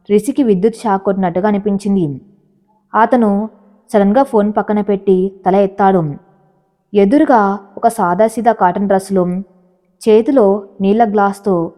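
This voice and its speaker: A woman telling a romance story in a steady, dramatic narration. Her voice is mellow and warm, and a long hall reverb trails behind every line. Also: mid-range voice.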